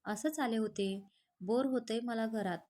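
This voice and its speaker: A woman reads a playful, innocent young woman in a story. She is cheeky and teasing. The voice is a little high. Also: normal speed, darkish tone, lightly acted.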